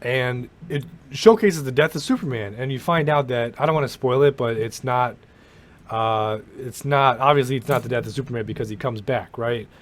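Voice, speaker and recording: A young man with a medium-pitched voice and normal speed gives a casual rant about a movie. His commentary meanders, peppered with swearing and frequent restarts.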